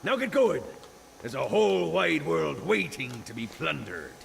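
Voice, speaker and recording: An actor playing a boastful pirate captain from hell, talking in pirate dialect with a gravelly voice, in a video game. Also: male voice, on the high side, big pitch swings, a little slow, a little hiss or hum, heavily acted. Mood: swaggering.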